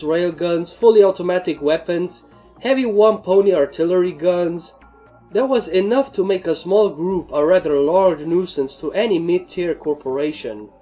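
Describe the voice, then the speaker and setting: A woman narrating a fan story in the first person, with a steady, plain reading. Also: fairly low pitch. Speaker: fanfic reader.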